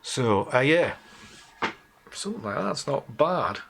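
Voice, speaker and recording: A man's voice: mid-range voice, very animated, slow. A man with a Northumbrian English accent hosting a casual live tutorial, thinking aloud informally as he works. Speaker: host of a live photo-editing session. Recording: clear background noise, keyboard and mouse clicks.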